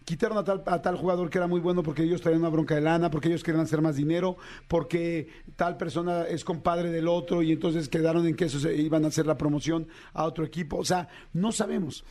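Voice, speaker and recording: Mexican male host, high-pitched, heated, rambling, casual. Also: steady tone, quick pace, hardly any pauses, warm tone. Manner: passionate, rambling, full of slang and repeated words. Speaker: podcast host. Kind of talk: casual chat.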